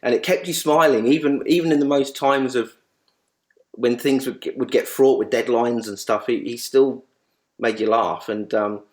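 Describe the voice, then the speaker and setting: A man recalling a friend in a loose, halting interview answer, full of restarts and false starts. His voice sits at an ordinary middle pitch, and he livens up when he retells funny moments. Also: steady tone. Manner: rambling, halting with many restarts. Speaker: guest. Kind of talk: reminiscing in an interview.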